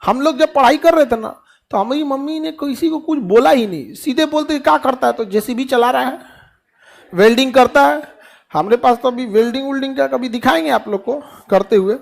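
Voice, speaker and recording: Speaking a little fast in an extremely high, gravelly voice, a middle-aged man motivates the students in his classroom. His talk is packed with rhetorical questions and playful imitations of dialogue.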